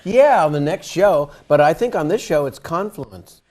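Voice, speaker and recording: A man hosting a show casually, speaking in a halting, hesitant way. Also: on the high side, animated, crowd noise. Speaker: show host. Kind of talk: casual presenting.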